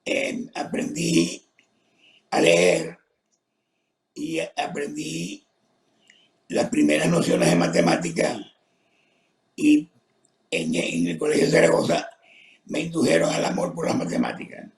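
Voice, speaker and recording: An older man who speaks slowly and haltingly, his voice distorted and rough from a tracheotomy, answering interview questions. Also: fairly high pitch, huge pitch swings, roomy sound. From Venezuela. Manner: slow, halting, with many pauses and fillers. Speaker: retired professor, guest.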